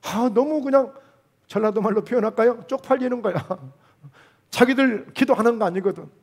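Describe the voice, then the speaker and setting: A middle-aged male pastor delivers a lively sermon in a notably high voice. He fires rhetorical questions at the congregation and moves between loud, pressing outbursts and quiet, intimate asides. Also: normal speed, slightly rough. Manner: animated preaching, rhetorical questions, swings between loud and hushed.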